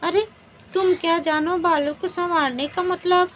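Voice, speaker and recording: A woman's voice: very high-pitched, steady tone, measured pace, slight background noise. A woman doing a spiteful, vain young wife. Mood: mocking. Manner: mocking, taunting. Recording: dull lo-fi recording.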